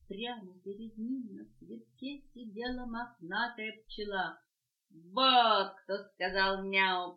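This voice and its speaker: An older woman, a grandmother, reading a children's story aloud with lively, expressive storytelling. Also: medium pitch. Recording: roomy dull home cassette tape.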